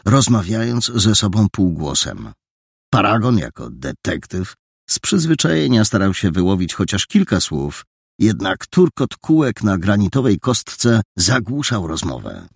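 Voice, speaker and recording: A man narrating a story aloud in an expressive reading style. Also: on the low side, a little slow, gravelly, husky, no room sound, studio quality. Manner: expressive reading with many character voices. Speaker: audiobook narrator.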